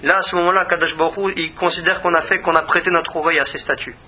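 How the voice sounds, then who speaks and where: Male rabbi type, earnest teaching voice, very bright timbre, broadcast feel. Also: fairly high pitch, steady tone, fast talker. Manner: earnest, repeats words when searching. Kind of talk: religious lesson.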